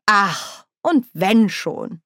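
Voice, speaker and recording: A woman reading an audiobook, voicing a cheeky, boozy old witch woman with a loud, high, cackling voice. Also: very animated, very slow, no echo, clean studio sound, full character voice. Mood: merry. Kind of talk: audiobook character voice.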